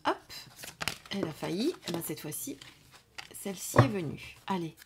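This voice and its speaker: A woman hosting a casual review of an oracle card deck, speaking softly and unhurriedly, often trailing off to near whispers, with frequent fillers. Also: fairly low pitch, animated, moderate pace, very noisy. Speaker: card reading channel host. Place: indoors at home under studio lights.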